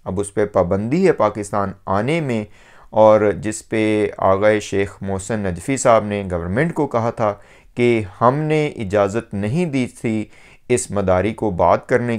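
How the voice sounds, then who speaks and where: A man giving a measured religious commentary, pausing often on fillers. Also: lowish voice. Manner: measured, with frequent hesitation fillers.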